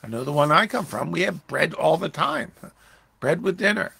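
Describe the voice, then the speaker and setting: A man pastor teaching a Bible study in a conversational, animated way, raising his voice when acting out quoted lines. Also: a little high, normal speed, gravelly, breathy edge, no echo.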